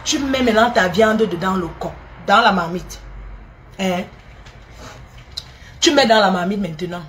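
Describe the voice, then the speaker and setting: A woman's voice: mid-range voice, a little slow, fairly bright tone, slight background noise. A middle-aged woman talks viewers through a recipe in a casual cooking video, repeating each step and teasing and scolding as she goes. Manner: repetitive, teasing and scolding, addresses viewers directly. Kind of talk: casual spoken recipe demonstration.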